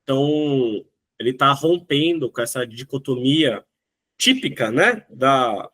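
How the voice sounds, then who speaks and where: Taking his time, a man with a medium-pitched, fairly bright and animated voice teaches a recorded class in Brazilian Portuguese-accented speech. His style is explanatory and step by step, with many "né?" tag questions.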